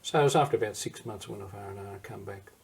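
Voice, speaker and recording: An older Australian man recounts his war memories in a recorded interview, rambling through anecdotes, drifting off topic, then circling back and restarting. His voice sits fairly low and comes out rapid-fire, with vocal fry and a slightly rough edge.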